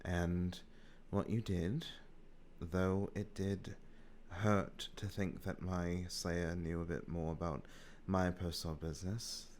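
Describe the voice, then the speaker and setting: A man voicing a woman mentor in a tabletop game who speaks in a measured, apologetic way, barely changing his own voice. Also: low-pitched, flat delivery, a little mellow, a little hiss or hum. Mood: remorseful. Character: remorseful woman mentor figure.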